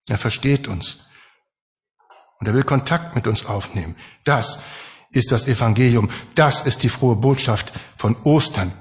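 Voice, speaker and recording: A man preaching a sermon to his congregation, conversational and emphatic, with rhetorical questions. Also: fairly high pitch.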